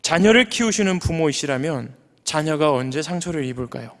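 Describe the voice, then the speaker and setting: Man, pastor, sermon, earnest, emphatic rising peaks, high voice, long church reverb. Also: fairly quick.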